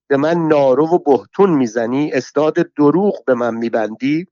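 A man voicing a foul-mouthed, quarrelsome old pilgrim woman who shouts abuse in a theatrical way. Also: on the high side, no room sound, pitched above the performer's own voice, close to an everyday voice. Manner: shouting insults, abusive, theatrical. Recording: dull lo-fi dry recording.

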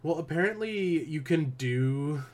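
A man's voice: a little high, expressive, a little slow, darkish tone. Laughing, jokey male podcast host. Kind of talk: casual podcast chat.

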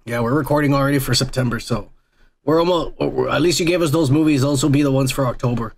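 A man's voice: medium pitch, quick pace, gravelly. A man co-hosting a casual podcast, crude and joking as he rambles. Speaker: podcast co-host.

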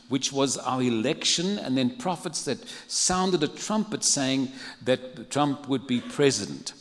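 A man's voice: medium pitch, big-room sound. An older man from Africa, preaching a sermon in a humorous, conversational way. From South Africa. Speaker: pastor.

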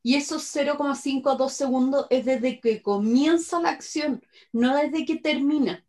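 High-voiced Chilean woman, emphatic. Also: normal speed, a little mellow. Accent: Chilean Spanish. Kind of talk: podcast discussion.

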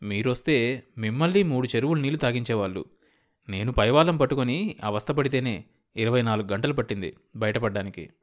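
A man's voice: mid-range voice, a little fast, natural voice. A man voicing a worldly, somewhat impatient man who explains things in a matter-of-fact way. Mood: explaining.

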